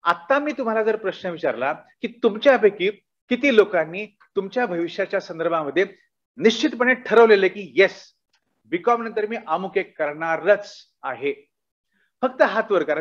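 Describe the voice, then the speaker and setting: A man's voice: high-pitched, dull audio. A man giving a motivational talk to college students, asking them questions and acting out little dialogues. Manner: animated, acts out dialogues, asks audience questions. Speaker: guest speaker. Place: college auditorium.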